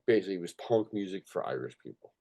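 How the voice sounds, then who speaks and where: A man with a very low, gravelly voice tells stories about his craft as a musician in a loose interview. He rambles emphatically, swears freely and keeps checking that he is being followed. The tone is dark and mellow. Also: expressive, rapid-fire. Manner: sweary, emphatic, repeatedly checks listener with "you know" and "right". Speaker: musician, songwriter and record producer being interviewed. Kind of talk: casual rambling interview storytelling.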